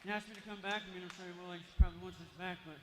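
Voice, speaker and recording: A man speaking in a high, fast voice right after a fight, winded and a bit hoarse from it. He answers plainly and quickly. The sound echoes around a noisy arena. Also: flat delivery. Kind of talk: post-fight interview. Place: arena cage.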